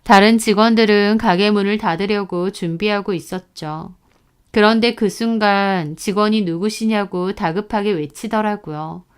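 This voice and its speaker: A woman's voice: medium pitch, normal speed, clear, resonant tone. A woman narrating a first-person story in an aggrieved, recounting manner.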